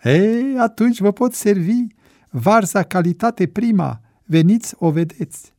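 A man's voice: high-pitched, lively intonation, warm tone, no room sound, clean studio sound, voice pushed up. A man voicing a short, sly male waiter with a Slavic accent, confiding and scheming.

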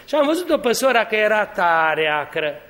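A man preaching a sermon, telling humorous stories and building to fervent exhortation. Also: high-pitched. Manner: lively, humorous storytelling that rises to fervent exhortation.

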